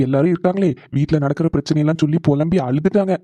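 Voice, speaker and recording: A man voicing a caring husband in a cartoon, talking quickly and reassuringly. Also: a little high, dark tone, no room sound, highs cut off, close to an everyday voice. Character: caring husband on the phone with his wife. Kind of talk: animated cartoon voice acting.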